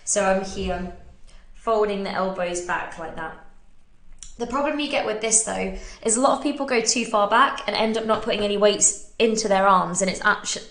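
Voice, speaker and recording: An English woman who coaches fitness and hosts a podcast leads a relaxed live Q&A, laughing often as she explains push-up technique. Hay fever leaves her voice a little blocked up, and she speaks warmly, chatty and upbeat, as if to friends following along at home. Her pitch is medium, her pace moderate, and the recording quality is low.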